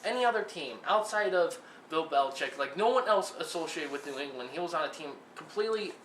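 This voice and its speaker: Bright-voiced, argumentative young man. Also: fairly high pitch, animated, fast talker. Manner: argumentative, repeats himself when starting a point. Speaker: co-host. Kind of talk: mock sports talk show debate. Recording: echoey room with faint hiss.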